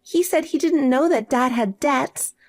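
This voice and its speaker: A woman's voice: high voice, measured pace. A woman voicing a desperate adult older sister who whines and pleads for help. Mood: self-pitying. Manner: whiny and pleading.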